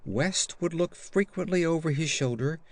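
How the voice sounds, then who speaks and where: With a fairly high pitch and no echo, a male audiobook narrator delivers gothic horror fiction in the first person. His reading is grave and theatrical, stressing words deliberately.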